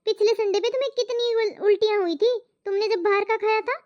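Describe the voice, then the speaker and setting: A woman voicing an overworked housewife and mother in an animated family story, scolding and complaining about her chores. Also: extremely high pitch, quick pace. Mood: coaxing. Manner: complaining, scolding, talks to herself. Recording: muffled lo-fi voice track.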